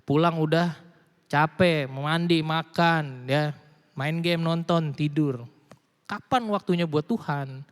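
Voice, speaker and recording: Young guy w a preaching to teens, a bit high voice, casual slang, church hall echo. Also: slow pace, clear, resonant tone. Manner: casual slangy preaching mixing English phrases, animated. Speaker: youth pastor. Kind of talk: sermon to a youth group. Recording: long hall reverb.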